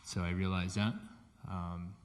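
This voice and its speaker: A man's voice: sits low, level tone, unhurried. A man from the audience, a schoolteacher, answering questions hesitantly and searching for words. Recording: long reverb of a lecture hall.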